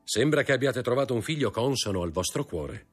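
A man voicing a courteous, commanding nobleman in an audiobook, with a husky voice. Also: medium pitch, lively intonation, brisk, faint music behind, voice pushed up.

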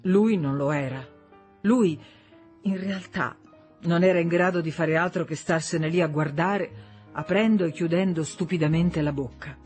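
A reader narrating a literary novel as an audiobook, in a measured, expressive way. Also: mid-range voice, faint music behind.

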